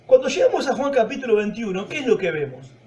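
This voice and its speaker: A high-pitched man with a Rioplatense Spanish accent preaches a Bible teaching sermon, retelling the story and voicing its characters in a softer, lower tone. He sits a little back from the microphone, so the voice sounds somewhat distant. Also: big pitch swings, quick pace, muffled recording. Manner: storytelling, acting out dialogue with lowered voice.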